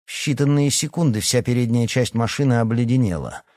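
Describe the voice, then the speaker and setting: A man reading a fantasy novel aloud in a measured, expressive way. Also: mid-range voice, no echo, studio quality. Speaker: audiobook narrator. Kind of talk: scripted narration.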